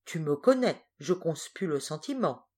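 Woman reading, doing a gruff bummed-out crook guy moaning about his bad luck, slangy. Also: sits low, sing-song, a little slow, a little mellow, heavily acted. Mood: rueful. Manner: slangy, self-mocking grumbling. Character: grumbling male thief, dejected and gruff.

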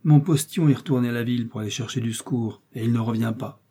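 A man's voice: mid-range voice, fast talker, warm tone, slightly rough. Man voicing a scornful stranger in red. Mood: mocking. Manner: cold, scornful, ironic. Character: sinister mocking man in a red coat. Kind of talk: audiobook reading.

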